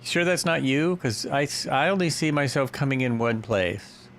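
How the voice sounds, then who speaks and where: A man hosts a live stream while flying, chatting casually with his viewers, thinking out loud, and erupting into excited yelps and cheers. His voice sits at a medium pitch and moves at a moderate pace over a faint hiss or hum.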